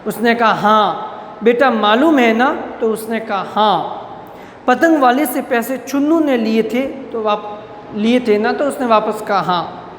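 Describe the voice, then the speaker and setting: A woman's voice: a little high, measured pace, slight background noise. A woman college lecturer from Rajasthan, reading a Hindi story aloud and explaining it line by line, asking the class questions and raising her voice for the scolding quotes. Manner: reads lines aloud, then explains and asks questions. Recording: echoey room with long reverb.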